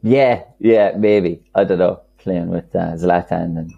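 A man with a very low voice and a Kerry accent from the west of Ireland speaks as a podcast guest. He talks casually and haltingly, often repeating a word as he thinks. The sound is narrow and phone-like. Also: vocal fry, breathy edge, faint music behind. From County Kerry, Ireland. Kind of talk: casual conversational interview. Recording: phone-like, narrow-band call audio.

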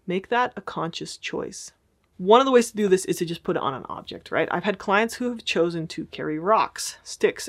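Woman therapist, mid-pitched, friendly explanatory teaching manner. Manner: friendly, explanatory, checks in with listeners. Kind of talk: casual teaching talk.

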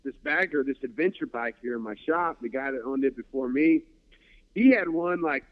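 A laid-back man with a medium-pitched voice chats casually at a moderate pace, swearing freely and repeatedly saying "dude" and "man." The audio is dull and lo-fi.

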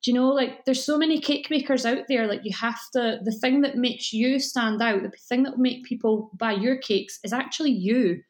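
A woman with a broad Scottish accent, a cake business coach appearing as a podcast guest, chats casually while offering encouraging, emphatic advice. Her voice is a little high and moves at normal speed with hardly any pauses.

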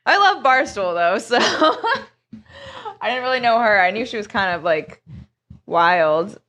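A woman's voice: a little high, very animated, slow pace, a bit bright. A woman in her thirties co-hosting a podcast, tipsy and giggling as she tells loose, profane stories in a casual chat. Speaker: podcast co-host.

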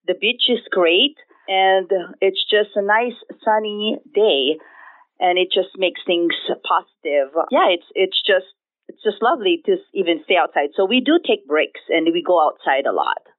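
A middle-aged director of nursing from the Philippines answers interview questions conversationally in a Filipino accent. Her mid-range voice has lively intonation and an unhurried pace, heard over a tinny phone line.

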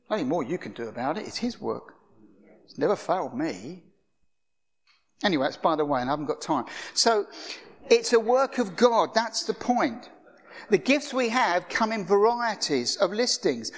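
An older man preaching with a fairly high, lively voice. He tells personal stories in a loose, conversational sermon style and often restarts his sentences. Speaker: guest preacher. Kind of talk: anecdotal sermon.

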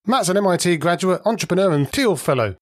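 A man's voice: sits high, expressive, quick pace, no room sound, clean studio sound. A man hosting a podcast, reading a playful scripted intro and then asking questions in a joking way. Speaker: podcast host.

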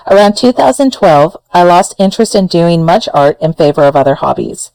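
Low-voiced woman hosting an advice podcast. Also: animated, a little fast, creaky, mellow, clear, resonant tone, dry recording, poor audio. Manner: earnest, encouraging, direct address. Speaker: podcast host.

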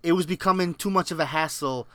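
A man with a Queens, New York accent speaks in a bright, forceful voice pitched a little high. He chats casually like a podcast co-host spinning a story, recorded close and dry. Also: quick pace, no room sound. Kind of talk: casual chat, animated storytelling.

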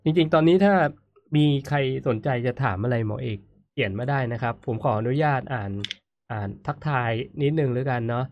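A man's voice: medium pitch, normal speed, dull audio, a little hiss or hum. A man hosting a casual live-stream chat, reading viewer comments aloud and murmuring "mm" as he listens. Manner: frequent murmured "mm" backchannels, reads comments aloud. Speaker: host.

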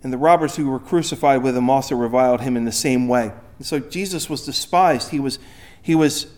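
High-voiced man preaching a sermon. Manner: reads scripture aloud with rising emphasis, then explains it. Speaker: pastor.

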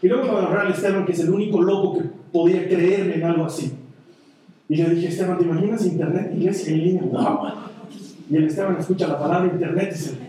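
A man preaching a sermon, telling personal stories in an earnest way and often dropping into a soft, quiet voice. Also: high voice, steady tone, fast. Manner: earnest, personal storytelling with sudden soft drops. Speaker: pastor. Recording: echoey hall, voice from far off.

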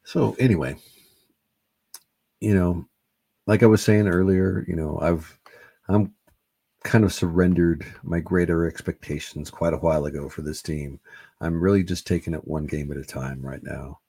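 Low gravelly rambling man. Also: normal speed. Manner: rambling, relaxed, many fillers. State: high on cannabis. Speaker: podcast host. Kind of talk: solo casual sports podcast.

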